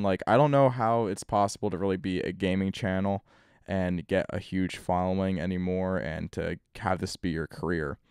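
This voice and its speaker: Low, smooth-voiced man rambling. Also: darkish tone, no room sound, studio quality. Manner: rambling, loose, chatty with restarts. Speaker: gaming YouTuber. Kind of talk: casual rant over gameplay.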